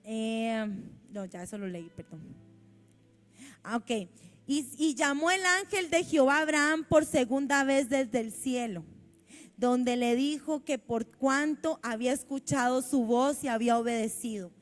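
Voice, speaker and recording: A woman's voice: high voice, measured pace, soft background music. A woman with a Costa Rican accent preaching a sermon in a church, reading scripture aloud and commenting on it fervently.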